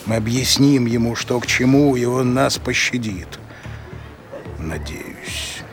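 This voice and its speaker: Man as creaky, slow ancient undead master. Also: medium pitch, lively intonation, faint music behind. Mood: grave. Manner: measured, ominous, explanatory. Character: ancient male undead master, grave, wary schemer. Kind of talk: audio drama acting.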